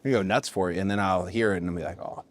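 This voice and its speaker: Host: earnest deep-voiced man, stops and restarts often, casual talk. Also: rapid-fire, slight background noise. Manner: earnest, stumbling restarts, gets emotional. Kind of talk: casual interview chat.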